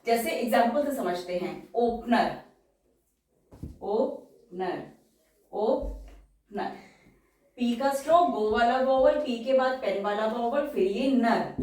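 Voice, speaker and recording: A woman teaches shorthand in an unhurried, deliberate way, repeating each example word several times. Her voice sits a bit high and sounds distant from the mic, with a strong echo from the room around her. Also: darkish tone. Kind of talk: explanatory lesson. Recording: very echoey room, voice far from the mic.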